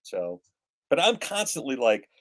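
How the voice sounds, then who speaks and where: A man's voice: mid-range voice, sing-song, measured pace, a bit bright. A man in his fifties chatting casually as a guest guitarist, rambling with gear-nerd enthusiasm. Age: 50s. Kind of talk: casual chat.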